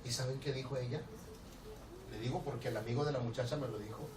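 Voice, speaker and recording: A man with a Mexican accent preaching a storytelling sermon as a pastor, animated and laughing, acting out the people in his story. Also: mid-range voice, fast talker. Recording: roomy, distant church recording with background noise.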